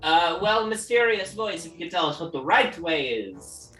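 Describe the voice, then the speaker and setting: A woman playing in a tabletop game who jokes around in a lively way, with fillers. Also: fairly low pitch, moderate pace, soft background music, poor audio. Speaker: player. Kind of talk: casual tabletop play.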